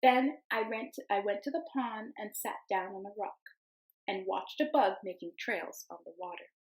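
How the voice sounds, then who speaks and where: During a children's read-aloud, a young teacher uses a gentle storytelling voice and sing-songs the calls to the animals. Her pitch is medium and her speed normal, though the audio is poor.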